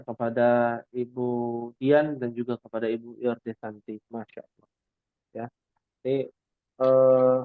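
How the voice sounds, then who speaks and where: A man teaching an Arabic class over a video call, giving encouraging feedback with drawn-out affirmations. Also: mid-range voice, no echo, phone-quality sound.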